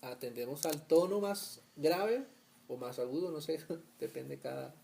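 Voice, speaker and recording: A man from Colombia leads a relaxed Bible study, his voice low and mellow. He keeps asking his listeners whether they follow him and acts out little everyday scenes. Faint noise sits under the recording. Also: unhurried, creaky. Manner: asks "¿cierto?" often, acts out little scenes. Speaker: Bible teacher. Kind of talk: conversational Bible study teaching.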